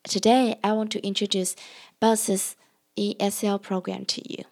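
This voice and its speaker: Woman, student narrator, scripted reading, careful and measured, mid-range voice. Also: medium pitch, level tone, darkish tone. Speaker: English language student narrating a report.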